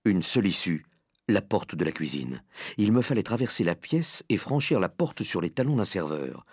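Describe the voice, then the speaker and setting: A man reading a children's story aloud with dramatic, expressive first-person narration. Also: deep voice, normal speed, breathy edge, no room sound, studio quality. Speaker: audiobook reader.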